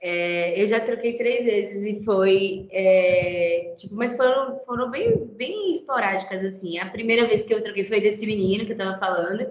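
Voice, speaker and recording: A woman psychologist in casual chat, telling stories in an animated way and laughing often. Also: mid-range voice, moderate pace, few pauses, reverberant.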